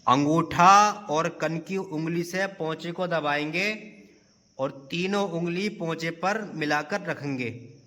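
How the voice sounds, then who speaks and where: Male madrasa teacher, bright tone, patient step-by-step quizzing; recorded with long reverb. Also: fairly high pitch. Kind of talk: teaching children how to pray. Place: madrasa room.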